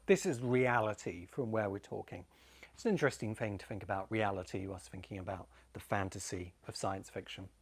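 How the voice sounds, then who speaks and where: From his home among Bali's rice fields, a video essay host talks to camera in a low-side, slightly rough voice at a fairly quick pace. His informal explanatory monologue is opinionated, wandering through ideas and addressing the listener directly.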